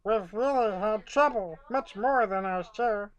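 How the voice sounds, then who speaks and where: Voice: mid-range voice, a little slow, pitched above the performer's own voice, lightly acted. A storyteller voicing a tiny, harried, complaining mayor from a storybook, in muffled sound. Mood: distressed.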